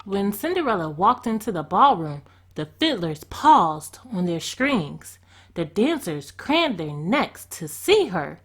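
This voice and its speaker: A woman storyteller reads a children's storybook aloud in an expressive style, speaking slowly in a mid-range voice.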